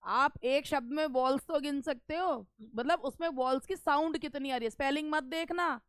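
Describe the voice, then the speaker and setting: A woman teaching an English grammar lesson for exam preparation, reading rules out slowly and then explaining them in Hindi. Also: high voice, a bit bright, dry recording.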